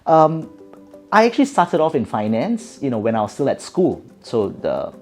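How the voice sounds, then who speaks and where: A man's voice: medium pitch, huge pitch swings, normal speed, soft background music. A middle-aged man from Singapore with a Singaporean English accent, giving thoughtful interview answers with many fillers and restarts. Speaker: guest.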